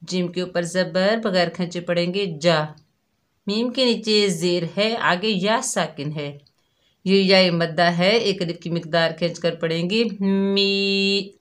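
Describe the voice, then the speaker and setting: Lowish-voiced woman, recitation teacher, unhurried drill of each syllable. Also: steady tone. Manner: patient, spells out each syllable and repeats it. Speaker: Quran tajweed teacher. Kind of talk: slow step-by-step recitation lesson.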